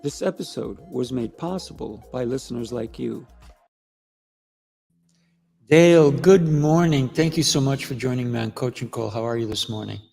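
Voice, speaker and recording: A man hosts a podcast interview in a gravelly voice that rings with long reverb. He sounds enthusiastic and affirming, and he often trips over the first sounds of his words. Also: medium pitch, moderate pace, a little mellow, soft background music. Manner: enthusiastic, affirming, stumbles on word starts. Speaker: podcast host, coach.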